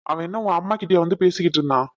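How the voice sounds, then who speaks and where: A man voicing an anxious young man in a cartoon who tries to smooth things over, talking in a pleading, fretful way. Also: sits high, very fast, no room sound, close to an everyday voice. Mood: chiding. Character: anxious young man, peacemaker, easily flustered. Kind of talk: cartoon voice acting.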